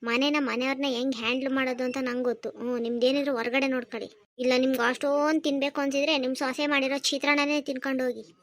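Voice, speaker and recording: A woman's voice: high-pitched, flat delivery, fast talker, close to an everyday voice. Woman voicing a bossy scolding mother-in-law. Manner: sharp scolding, taunting. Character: domineering scolding middle-aged mother-in-law. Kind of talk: cartoon voice acting.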